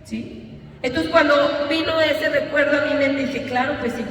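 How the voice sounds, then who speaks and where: A high, bright-voiced woman pastor preaches with fervor, her voice climbing into shouts. She sounds far from the mic, and her words ring through a long, echoing church hall. A faint hum sits underneath. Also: fairly even intonation, moderate pace. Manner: impassioned preaching, rising to shouts. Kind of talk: sermon.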